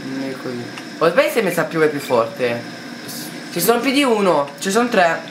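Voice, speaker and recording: Jumpy Italian man with a lively, high voice. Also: brisk. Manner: jumpy, nervous, apologetic. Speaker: player. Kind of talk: casual gameplay commentary. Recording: echoey room with faint noise.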